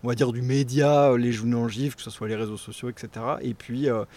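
A man guest introducing himself in a relaxed way, full of fillers. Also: mid-range voice, fast talker. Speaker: guest, media co-creator. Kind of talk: casual interview.

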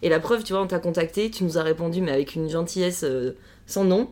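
A woman's voice: fairly low pitch, fast, dark tone. A woman hosting a podcast interview in a chatty, effusive, conversational way. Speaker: podcast host.

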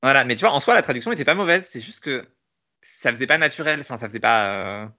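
A man hosting a podcast in casual chat, talking in an animated way with many restarts and fillers. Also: mid-range voice, quick pace. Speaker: podcast host.

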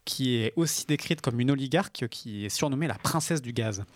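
Male co-host, explains news, hesitant with lots of fillers, mid-pitched, dry studio sound. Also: expressive, fairly quick, dry recording. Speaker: podcast co-host. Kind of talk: casual news podcast chat.

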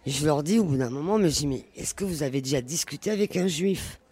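A woman's voice: low voice, expressive, fast talker, mellow, breathy edge. A woman speaks at a public roundtable in a community venue, recalling her street work in an earnest, searching way. She restarts her sentences often as she builds the story. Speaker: former street youth worker, panel participant. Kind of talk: live roundtable discussion.

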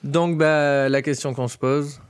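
A man co-hosting a casual film review, chatty and quick to chime in and finish his partner's sentences. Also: medium pitch, steady tone, smooth.

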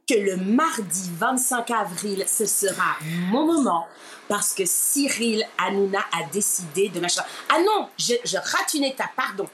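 A woman from Martinique telling a personal story as an interview guest. She acts out the people she quotes and keeps calling the listener "my dear.". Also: medium pitch. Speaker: interview guest, radio presenter. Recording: steady background noise.

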